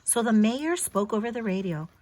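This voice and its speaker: Reading a picture book to children, a woman speaks expressively like a teacher and tosses in simple comments for her young audience. Her voice is a little high and her pace moderate.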